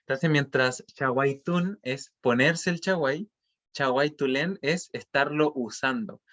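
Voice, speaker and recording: A man's voice: mid-range voice, slow, a bit bright, muffled recording. A man teaching an online language class, explaining patiently and checking often that students follow.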